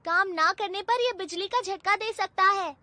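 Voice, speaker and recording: Very high-pitched robot cat Doraemon. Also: female voice, moderate pace, sharp tone, dry recording. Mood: explaining. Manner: explanatory, exclaims gadget names. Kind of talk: dubbed cartoon acting. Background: music.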